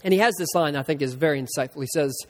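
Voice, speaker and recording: A man with a high voice preaches a sermon, weaving in personal stories and slowing down to repeat his key lines for emphasis. His voice rings out with a long reverb tail, as if he is filling a large church hall. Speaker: pastor.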